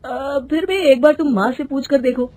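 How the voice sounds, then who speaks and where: Woman voicing a calm young husband. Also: high voice, moderate pace, lightly acted.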